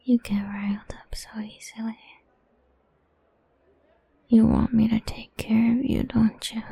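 A young woman whispering softly and teasingly in an intimate audio roleplay, humming between lines, close to the mic. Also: on the high side, flat delivery, a little slow, creaky, breathy edge, no room sound. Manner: soft teasing whisper, murmured hums.

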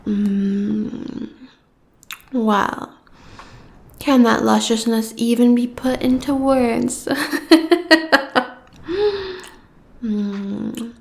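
A woman voicing a cruel, gloating giant goddess who speaks in slow, taunting threats. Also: a little high, fairly even intonation, gravelly, a little mellow, heavily acted. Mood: savoring. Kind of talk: fantasy audio roleplay.

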